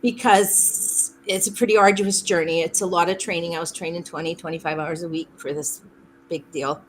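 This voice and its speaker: A woman from Saskatchewan telling a long personal story as a podcast guest, animated, often laughing and acting out quotes. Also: on the low side, normal speed, slight background noise, rough recording. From Saskatchewan, Canada. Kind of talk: storytelling in a conversation.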